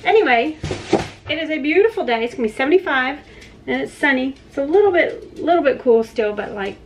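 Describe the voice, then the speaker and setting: A talkative woman in her forties recording a home vlog in her kitchen, her voice sitting a little high. She rambles from one aside to the next and laughs easily. A faint hum of household ambience runs underneath. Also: expressive, fairly quick. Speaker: vlogger. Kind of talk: casual home vlog chat. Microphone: camera on the counter, sometimes handheld.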